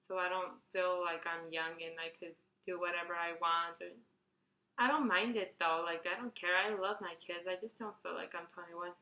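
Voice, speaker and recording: Young woman, early twenties, vlogger answering a Q&A, bright chatty tone, echoey room. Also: on the low side, fairly even intonation, moderate pace, muffled recording. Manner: chatty, rambling, restarts and fillers, reads questions out brightly. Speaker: beauty vlogger. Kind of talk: casual Q&A tag video.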